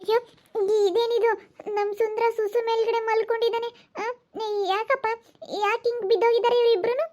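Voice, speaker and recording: A woman voicing a startled young village wife who fusses loudly and repeats her questions, with a Hiriyur Kannada accent. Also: extremely high pitch, steady tone, a little fast, dull audio, pitched above the performer's own voice. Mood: alarmed. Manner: loud, fussing, repeats questions.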